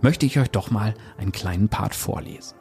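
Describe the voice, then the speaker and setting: A man presenting a novel, reading an excerpt aloud and then discussing it in a calm, measured way. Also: lowish voice, soft background music. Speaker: book reviewer. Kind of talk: book review with read-aloud excerpt.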